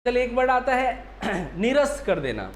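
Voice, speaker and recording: A man's voice: very high-pitched, big pitch swings, a little slow. A male teacher giving an online exam-prep vocabulary lesson, drilling students with repeated rhetorical questions. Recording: echoey room, faint background hiss.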